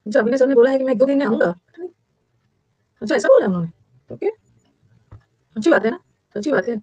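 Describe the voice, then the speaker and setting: A woman with an Indian accent gives an online exam-prep vocabulary lesson, chatting away, repeating key words, mixing English into Hindi and putting questions to the class. Her voice is a little high, expressive and darkish, and she speaks fast. The recording has no room sound and the highs are cut off.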